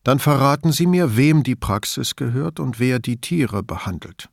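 A man voicing a calm, probing male police inspector in an audiobook, speaking in a measured, quiet way. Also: mid-range voice, creaky, no echo, studio quality.

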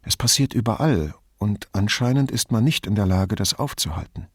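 A man reading an audiobook voices a thoughtful, curious woman who asks probing questions and gently teases. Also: on the low side, lively intonation, moderate pace, slightly rough, dry recording, studio quality. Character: thoughtful middle-aged woman, curious, wry.

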